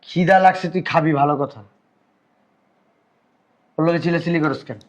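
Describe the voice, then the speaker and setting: A stern elder brother, played by a man, scolding his lazy younger sibling. His voice is a little high and his speech is firm and blunt. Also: moderate pace, lightly acted. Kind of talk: family drama acting.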